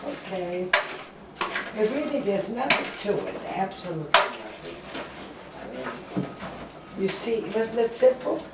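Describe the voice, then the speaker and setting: A woman's voice: mid-range voice, sing-song, a little slow, pauses often, heavy background noise. An older woman, a grandmother, chatting casually as she bakes cookies in a home kitchen. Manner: chatty, homey, talks while working. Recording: echoey kitchen, far from the mic, loud clatter.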